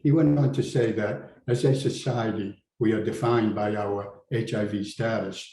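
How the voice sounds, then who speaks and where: A man reading his personal essay aloud at a public event, earnest and deliberate. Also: lowish voice, fairly even intonation, warm tone. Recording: roomy venue with faint ambience.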